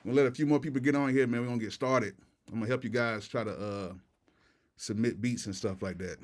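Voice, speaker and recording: A man's voice: medium pitch, fast. An American man from Florida hosting a casual livestream, talking with retainers in his mouth, using slang and repeating his greetings and phrases. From Tampa, Florida. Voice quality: slightly off articulation from wearing retainers. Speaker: livestream host and music producer.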